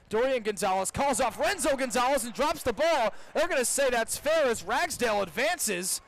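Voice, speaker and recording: The voice here is a young adult man's, high-pitched and a bit bright, announcing a baseball game live on the radio from the ballpark. Background noise from the live broadcast comes through clearly.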